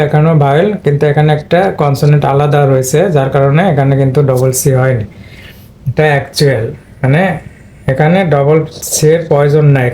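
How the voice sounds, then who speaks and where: A man gives an informal spelling and pronunciation lesson, stepping through each rule and saying the example words again and again. His voice sits somewhat high yet stays flat, with little rise or fall. The tone is mellow and soft-edged, and he clears his throat now and then as he explains. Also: a little hiss or hum. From Bangladesh. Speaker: English pronunciation teacher.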